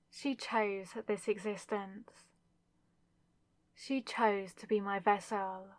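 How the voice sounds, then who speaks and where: Playing a lovesick, possessive demon villainess for an ASMR roleplay, a woman speaks in a natural mid-range voice, leaving tense, measured pauses. The recording is dry and her mood comes across as bitter.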